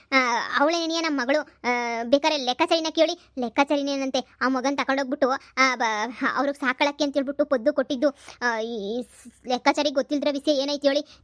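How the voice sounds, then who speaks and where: A woman's voice: high voice, no room sound, studio quality, natural voice. A woman voicing a landlord's insistent middle-aged wife in a comedy cartoon. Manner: insistent, quick, coaxing.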